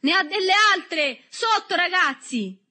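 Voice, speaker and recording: A woman voicing a burly, dim, brutal older boy who mocks and shouts at the others. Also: lowish voice, completely flat delivery, brisk, husky. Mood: triumphant. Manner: jeering shouts.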